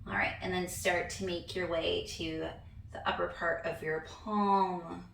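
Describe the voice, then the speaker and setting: A young woman teaching a guided hand massage class, relaxed and chatty, laughing at herself now and then. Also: fairly low pitch, measured pace, gravelly, slight background noise. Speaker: yoga instructor. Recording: echoey room, voice from a distance.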